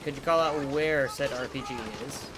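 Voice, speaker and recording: A slightly high-voiced man streams a war shooter and trades wry remarks with the soldiers on screen. His voice is still a bit worn from illness. Heavy gunfire and explosions from the game crowd the audio behind him. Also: fairly even intonation, normal speed, very noisy. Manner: wry, talks back to game characters. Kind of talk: casual gameplay commentary.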